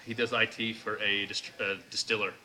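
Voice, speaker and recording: A man speaking on a podcast as a guest from a brewery. His casual talk is halting, full of restarts and repeated words. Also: on the low side, little pitch movement, sharp tone, slight background noise. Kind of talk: casual chat.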